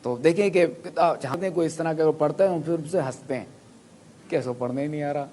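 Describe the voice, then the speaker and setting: A man's voice: on the high side, warm tone, a little hiss or hum. A man preaching a sermon, explaining Quran pronunciation through spoken examples and asking his listeners to raise their hands. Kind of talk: sermon to a live audience.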